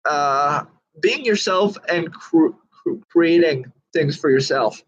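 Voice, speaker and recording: A man's voice: fairly high pitch, expressive, slow, lo-fi sound. A man talking casually about magic, earnest and rambling, with many fillers and restarts. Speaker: magician reviewing a book. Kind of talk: casual talk to camera.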